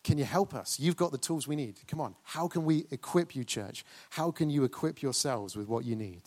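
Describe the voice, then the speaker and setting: A man's voice: medium pitch, lively intonation, moderate pace, a little mellow. A man preaching a sermon, questioning and urging the congregation.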